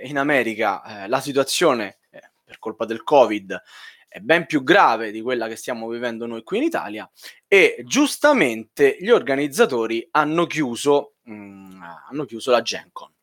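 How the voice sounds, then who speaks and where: Lively teasing male podcast host. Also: medium pitch, unhurried. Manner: playful, teasing banter. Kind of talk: casual podcast chat.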